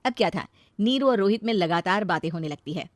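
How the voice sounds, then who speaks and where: A woman narrating a cartoon moral story in an even storytelling manner. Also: mid-range voice, a little fast, no echo.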